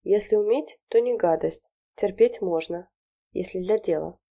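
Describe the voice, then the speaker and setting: A woman's voice: mid-range voice, moderate pace, vocal fry, warm tone. A woman voicing a nervous teenage girl who hisses anxiously under her breath, in a storybook reading. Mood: earnest. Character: nervous, well-behaved teenage girl fearing her parents.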